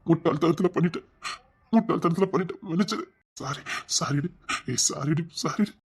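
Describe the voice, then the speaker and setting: An actor plays an anxious, remorseful young husband in a TV serial, with a Tirunelveli Tamil accent. He talks quickly, pleading and soothing, and repeats his apologies over and over. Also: a little high, slight background noise, natural voice. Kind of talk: TV serial acting.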